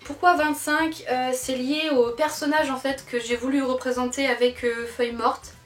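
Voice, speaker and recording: A young woman chatting casually on her vlog about her doll collection, lively, with many fillers and self-corrections. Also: high-pitched, normal speed, soft background music. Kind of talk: casual chat. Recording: echoey room.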